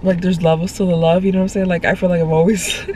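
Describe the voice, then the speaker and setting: This is a casual, rambling to-camera chat from a young woman in a parked car, congested and full of fillers, speaking fast in a lowish, slightly mellow voice with little pitch movement. It was recorded on a phone held at arm's length, with faint background noise in the car.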